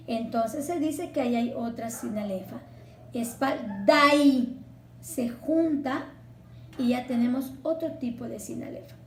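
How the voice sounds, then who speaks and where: A woman's voice: high-pitched, darkish tone, reverberant, a little hiss or hum. A woman teacher from Mexico, patiently explaining a Spanish lesson and spelling words out syllable by syllable. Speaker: secondary school Spanish teacher.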